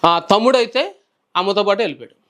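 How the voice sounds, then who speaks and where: A man who is a preacher, telling his personal testimony in a calm, soft-spoken way during an interview. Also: high voice, quick pace.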